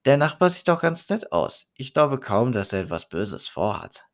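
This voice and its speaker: A man voicing an outspoken young woman in a spoken horror story, raising his pitch and speaking with lively emphasis. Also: moderate pace, vocal fry. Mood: chiding.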